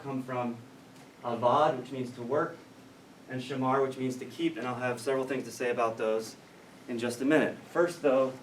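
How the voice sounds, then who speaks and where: An American male academic lectures on biblical studies in a lecture room, his mid-range voice dry and explanatory. The mic is distant, giving a roomy recording with faint noise.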